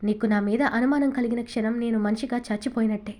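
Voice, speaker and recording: A woman voicing a devoted young man in an audiobook story, speaking gently and affectionately. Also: a little high, fairly even intonation, fast talker, natural voice.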